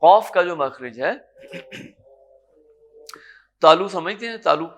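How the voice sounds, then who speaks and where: A man from Pakistan with a Pakistani Urdu accent, teaching a tajweed lesson in a lecture room, patiently explaining and slowly sounding out Arabic letters. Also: sits high, expressive, fairly bright tone, slight background noise. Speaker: Quran recitation teacher.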